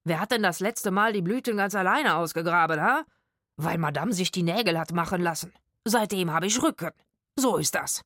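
A woman's voice: lowish voice, lively intonation, slow pace, few pauses, a little mellow, dry recording, clean studio sound. A woman voicing a whiny, fearful middle-aged male crook who stammers and frets, read as a storybook character. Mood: grumbling. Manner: stammering, jittery.

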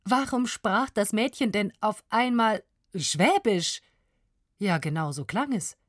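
A woman narrating a story in an expressive, lively storytelling voice. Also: medium pitch, slow, dry recording, studio quality.

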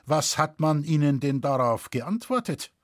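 A man's voice: on the high side, expressive, no room sound, studio quality. A man reading as a formal, stern judge. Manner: formal, measured questioning. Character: stern, proper middle-aged male judge.

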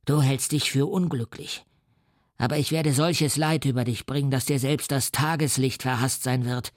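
A male audiobook reader playing a resolute young scientist who speaks forcefully and indignantly. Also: medium pitch, steady tone, normal speed, no room sound, studio quality, lightly acted. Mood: defiant. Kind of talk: audiobook reading.

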